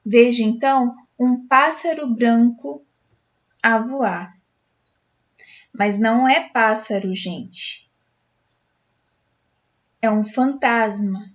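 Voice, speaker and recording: A Brazilian woman teacher reading a storybook aloud to schoolchildren in an expressive, dramatic way. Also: a little high. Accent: Brazilian Portuguese. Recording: dull lo-fi sound.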